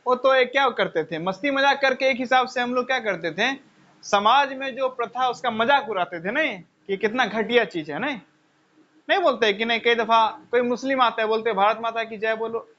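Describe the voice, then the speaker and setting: Guy lecturing, high bright voice, lots of rhetorical questions, kinda dull lo-fi sound. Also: normal speed. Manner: conversational, rhetorical questions, repeats phrases. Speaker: teacher. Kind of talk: lecture with personal stories.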